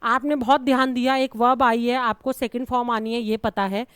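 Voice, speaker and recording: A woman's voice: a little high, steady tone, normal speed, a bit bright, clean tone, dry recording, clean studio sound. A woman teaching English grammar in a classroom-style lesson, explaining rules patiently and repeating key steps, affectionately calling her students "beta".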